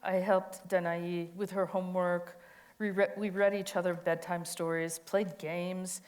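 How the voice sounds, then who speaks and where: Speaking a little slowly in a low voice with little pitch movement, a woman co-reads an autobiographical monologue. She gives it a dramatic, tender and emphatic storytelling delivery.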